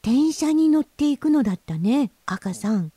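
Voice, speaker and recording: A woman's voice: high voice, animated, moderate pace, dark tone, breathy edge, no room sound, studio quality, voice pushed up. A woman voicing a small timid boy goldfish who asks anxious questions. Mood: worried.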